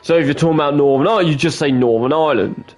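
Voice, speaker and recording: A man's voice: on the high side, racing, darkish tone, faint music behind. A young man hosting a casual gaming video, lecturing in an emphatic, repetitive way. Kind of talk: casual let's-play commentary.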